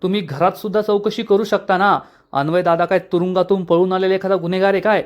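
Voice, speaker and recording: A man voicing a calm, firm young husband who questions politely but insistently. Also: sits high, quick pace, highs cut off, lightly acted.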